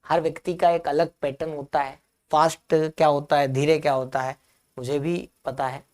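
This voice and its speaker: A man's voice: fairly high pitch, level tone. Man teaching a live grammar class. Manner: answers chat comments, reassuring; dictates definitions slowly, repeating phrases.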